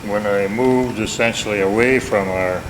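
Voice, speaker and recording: His voice is fairly low and steady, moving at a moderate pace. This family elder, a man in his seventies from Minneapolis with an Upper Midwestern accent, reminisces informally in a folksy, self-deprecating, wry manner. The recording is a noisy, echoey home tape with a hum.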